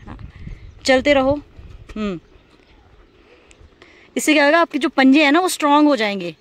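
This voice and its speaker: A woman teaching scooter riding outdoors on a hilly road, giving patient step-by-step instructions and coaxing the rider on with steady praise. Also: high-pitched, normal speed, dry recording. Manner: encouraging, coaxing, repeats cues like "shabash". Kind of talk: hands-on instruction.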